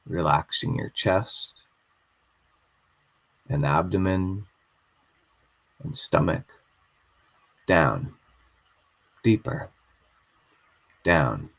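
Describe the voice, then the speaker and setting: A man guiding a slow hypnosis induction, soothing and repetitive. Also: deep voice, sing-song, creaky, a bit bright, breathy edge.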